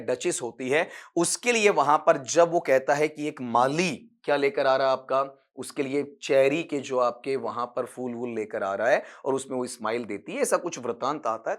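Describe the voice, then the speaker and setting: A man's voice: on the high side, a bit bright. Guy with teaching english exam answers, breaks words into sounds, calls students beta. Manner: coaching students, calls them beta, spells out sounds slowly. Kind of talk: exam paper solution lesson.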